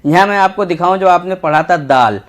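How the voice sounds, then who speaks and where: A man teaching a children's Urdu lesson, patient and slow, repeating each letter as he writes. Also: high voice, fairly bright tone. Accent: Indian Urdu. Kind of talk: textbook lesson for young children.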